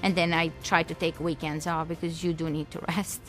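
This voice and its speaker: A woman's voice: deep voice, little pitch movement, brisk, soft background music. A woman in her twenties from Serbia, talking casually in an interview and laughing easily. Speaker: interviewee, aspiring skeleton athlete.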